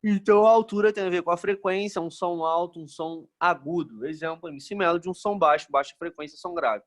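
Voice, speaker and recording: A man from Brazil teaches a physics lesson in a casual, joking style, checking in with the class after almost every phrase. His voice sits high and he speaks briskly.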